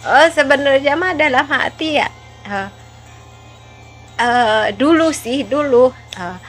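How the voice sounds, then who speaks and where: Lady vlogging slow and chatty, higher voice, giggly, bit of music under it. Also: animated, fairly bright tone. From Java. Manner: giggly, self-mocking, laughs often between phrases. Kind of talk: casual storytelling vlog.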